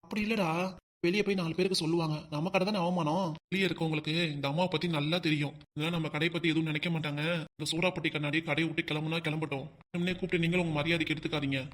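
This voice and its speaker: Fast-talking man with a Tirunelveli accent. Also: on the high side, steady tone, a bit bright. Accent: Tirunelveli Tamil. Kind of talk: cartoon comedy voicing shop staff.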